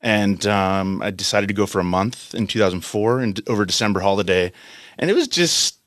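Chatting casually as a studio interview guest, the late-thirties American country head of a company, from California, talks fairly quickly. His voice sits fairly low and has a fairly bright tone, captured in a dry recording with his American accent clear.

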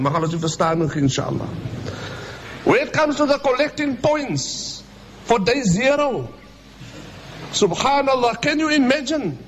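A man's voice: high-pitched, slight background noise. A man with a Cape Town South African accent preaching a colloquial Friday sermon, impassioned and addressing his listeners directly with rhetorical questions.

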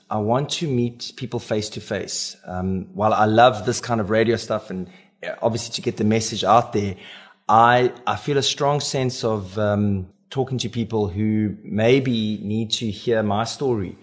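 A man with a South African accent chats casually and expressively as an author guest on a radio show, in a casual interview. His voice is lowish and a little slow.

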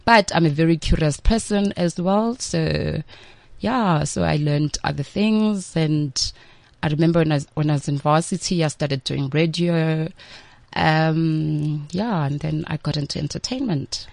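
South African woman, low creaky voice, talkative interview guest, informal, dry close sound. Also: unhurried, darkish tone, no echo. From Limpopo, South Africa. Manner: talkative, informal, mixes in local-language words. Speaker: interview guest, entertainment entrepreneur and MC. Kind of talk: conversational interview answers.

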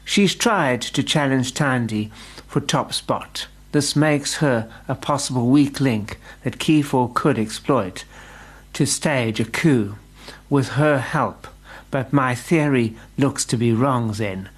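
Man reading gossipy male animal, radio storybook, slow, musing, mid-pitched. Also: husky.

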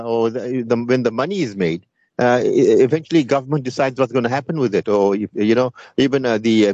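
A man hosting a radio talk show, talking in a rapid, questioning, halting way. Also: lowish voice, darkish tone, no echo. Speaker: radio host. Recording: dry, dull lo-fi radio sound.

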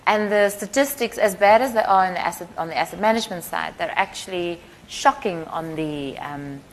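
A woman's voice: lowish voice, normal speed, poor audio. A woman moderating a panel discussion in a conversational, explanatory way. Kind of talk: semi-scripted panel moderation. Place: live panel event. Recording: clear background noise, live event.

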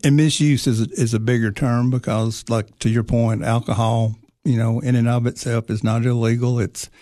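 A man from Tennessee, a guest on a podcast, explaining things in a measured way. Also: medium pitch, level tone, mellow, no echo, clean studio sound. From Tennessee, United States. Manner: measured, explanatory, with frequent fillers and restarts. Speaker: guest, prevention coalition leader. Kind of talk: conversational interview.

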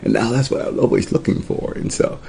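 A man's voice: brisk, dark tone, slight background noise. A middle-aged man from Costa Rica, a guest in an interview, telling his life story in a thoughtful way with frequent restarts. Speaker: guest, entrepreneur and author. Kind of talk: reflective interview talk.

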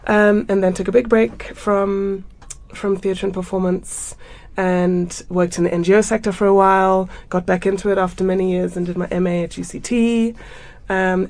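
Female radio guest from Zambia, low fry-laden voice, relaxed and chatty. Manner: chatty, laughs often. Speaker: theatre maker and drama teacher.

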